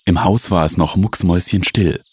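A man narrating a children's story aloud in a calm, even storytelling voice. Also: deep voice, moderate pace, a little hiss or hum.

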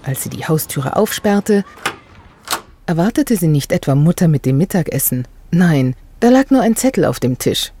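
Low, warm-voiced woman reading a story. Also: lively intonation, moderate pace, a little hiss or hum. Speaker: narrator. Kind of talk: storybook narration.

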